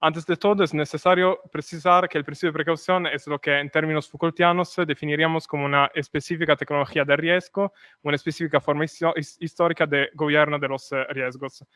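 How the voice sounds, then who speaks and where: A man's voice: on the high side, fairly even intonation, quick pace, fairly bright tone, dry recording, clean studio sound. A man who is not a native Spanish speaker presents an academic paper, hesitating and correcting himself as he goes. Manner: hesitant, with repeated words and self-corrections. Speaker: conference speaker.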